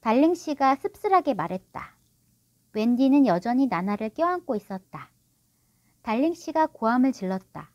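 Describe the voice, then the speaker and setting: A woman's voice: a little high, big pitch swings, normal speed, darkish tone, no echo, lo-fi sound. A woman librarian narrating a children's storybook aloud. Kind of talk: audiobook narration.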